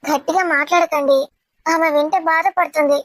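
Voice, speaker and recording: A stern housewife who lays down the rules for her husband in a firm, scolding tone, played by a woman. Her voice sits very high and sounds dry and close to the mic, with a lilt in a home web drama. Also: steady tone, a little fast, fairly bright tone, no room sound.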